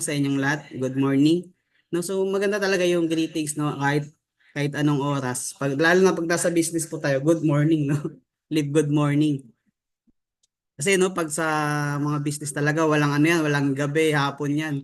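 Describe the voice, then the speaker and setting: A man's voice: a little high, a bit bright. A young man from the Philippines giving a casual motivational online training over a video call, reading out names and asking the group "no?" and "di ba?" as he goes. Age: young adult. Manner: chatty, reads out names with frequent "no?" and "di ba?". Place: home room with a staircase behind.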